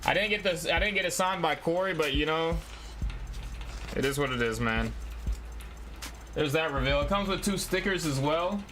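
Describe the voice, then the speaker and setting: This young streamer chats casually while gaming, his bright, forceful voice on the high side and expressive, at a moderate pace broken by long pauses. He talks in slang, addressing his chat as bro and y'all like friends, and a little hiss or hum is present.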